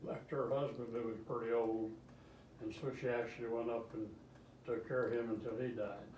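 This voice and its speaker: An elderly man reminisces casually, haltingly rambling and repeating himself as he recalls things. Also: medium pitch, flat delivery, darkish tone. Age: 80s or older. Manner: old man's halting, rambling recollection with repeats. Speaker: interviewee, grandfather. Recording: roomy, distant mic, faint background noise.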